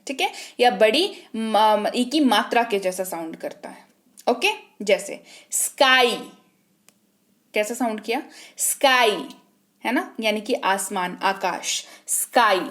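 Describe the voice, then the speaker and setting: A woman's voice: medium pitch, fairly bright tone. A woman teaching English spelling rules, patiently spelling words out letter by letter and asking herself questions before answering them. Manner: patient, asks and answers her own questions. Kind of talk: spelling lesson in Hindi.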